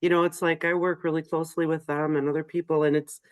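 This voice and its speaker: A middle-aged woman who works for a state agency vents her frustrations on a casual video call, rambling fast and dropping plenty of "you know"s. Her voice is low with little pitch movement, and the recording is dry and studio quality.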